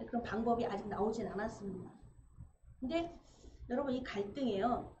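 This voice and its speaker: A woman pastor preaching a sermon in an animated way, acting out quoted conversations. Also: a little high, brisk. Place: church sanctuary. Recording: echoey church room, dull sound, faint noise.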